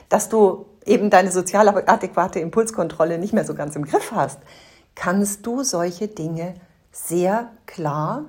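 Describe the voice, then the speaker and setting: Breathy-voiced woman giving direct advice. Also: medium pitch, a little mellow. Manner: emphatic, dropping to breathy half-whispers. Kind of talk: direct advice talk to the listener.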